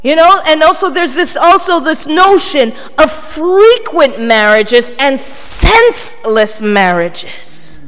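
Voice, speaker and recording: A woman's voice: high voice, very animated, slow, few pauses, fairly bright tone. A woman preaching a sermon, emphatic and full of rhetorical questions to her congregation. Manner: emphatic, rhetorical, often prompting the listeners. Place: large reverberant hall, preaching to a congregation. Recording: echoey hall with long reverb.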